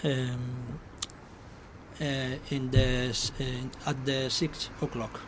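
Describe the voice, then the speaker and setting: Slow, hesitant man with a Spanish accent. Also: mid-range voice, level tone. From Basque Country, northern Spain. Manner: hesitant, broken beginner's English. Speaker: English course student. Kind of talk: practice dialogue in a language class. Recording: clear background noise, ambience.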